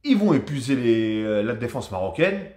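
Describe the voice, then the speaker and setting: A man from France giving a casual, rambling football match debrief to his viewers, chatty and animated. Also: mid-range voice, moderate pace, reverberant. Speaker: football vlogger.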